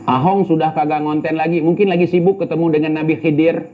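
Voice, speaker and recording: An Indonesian man with an Indonesian accent and a high-pitched voice reads viewer comments aloud and answers them in brash, mocking slang. His sound is slightly muffled and lo-fi. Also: fairly even intonation, fast, slight background noise. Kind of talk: casual banter reading comments.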